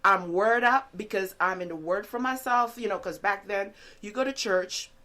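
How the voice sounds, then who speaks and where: A woman speaks as a guest in a relaxed interview, telling her story of faith with earnest warmth. She talks in a loose, chatty way, leaning on fillers, and grows animated as she tells her stories. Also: mid-range voice, moderate pace. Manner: earnest, many fillers like "like" and "you know". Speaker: guest author. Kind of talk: conversational interview testimony.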